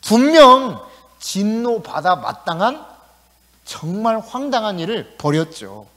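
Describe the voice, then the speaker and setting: A male pastor preaching a sermon in a lively, conversational way in a church. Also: high voice, slow. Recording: echoey church hall.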